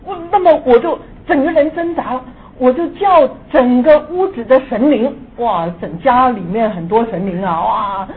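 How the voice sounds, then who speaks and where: A woman in her sixties telling a personal ghost story, moving between hushed and excited. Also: on the high side, moderate pace, hardly any pauses. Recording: tinny phone-like audio with faint hiss.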